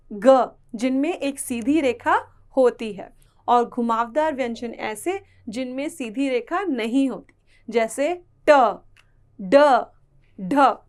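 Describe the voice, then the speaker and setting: A woman teaching a children's Hindi reading lesson, patiently spelling out sounds syllable by syllable. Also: high voice.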